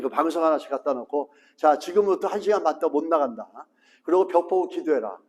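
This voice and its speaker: A man's voice: high-pitched, a little mellow. A male pastor preaching a sermon, asking the congregation rhetorical questions and acting out prayers in a raised voice. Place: church sanctuary. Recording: long reverb of a church sanctuary.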